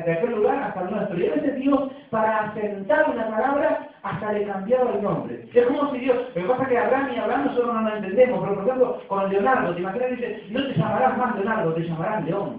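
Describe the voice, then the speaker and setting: High-voiced Argentine pastor, echoey and distant. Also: male voice. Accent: Argentine Spanish. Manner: conversational preaching with frequent tag questions. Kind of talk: sermon. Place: church. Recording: echoey, distant, phone-like church recording.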